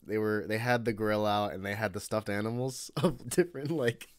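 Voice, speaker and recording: Young man, Chicago accent, low voice, dry close sound, rambling casual stream talk. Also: moderate pace, dry recording. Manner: rambling, many fillers and restarts. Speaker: streamer host. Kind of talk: casual live-stream chat.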